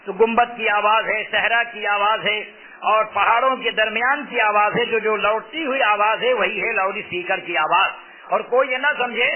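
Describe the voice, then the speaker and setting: Keeping a moderate pace, a male preacher with a high-pitched voice delivers an emphatic sermon explaining a fatwa, repeating key phrases. His loudspeaker microphone, close to his mouth, gives the audio a tinny, phone-like tone.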